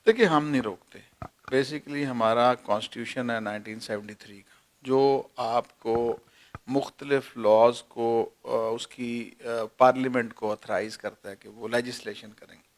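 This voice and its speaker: A man, a senior advocate giving measured, lecturing answers in an interview and leaning on everyday examples. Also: medium pitch, fairly even intonation. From Pakistan. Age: 40s.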